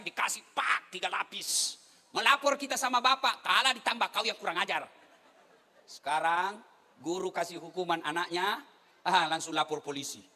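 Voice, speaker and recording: A middle-aged man preaching a sermon to a congregation, swinging between soft pleading and loud exclamations. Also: high voice. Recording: echoey hall.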